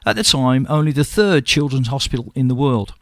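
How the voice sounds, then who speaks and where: A man hosting a local radio show from the studio, with a West Midlands English accent, croaky from a cold, chatting and reading news items with slips and restarts. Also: mid-range voice, a little fast, no room sound. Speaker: radio host.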